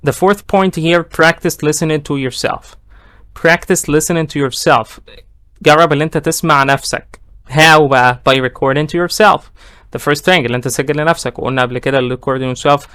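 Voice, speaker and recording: A middle-aged man with an Egyptian accent and a smooth, resonant voice runs a bilingual English lesson. His Arabic explanations move fast, and he slows right down to give each English phrase. The sound is dry, with the mic close to him. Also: mid-range voice, fairly bright tone, dry recording. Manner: mixes Egyptian Arabic with slow read-out English. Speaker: English teacher.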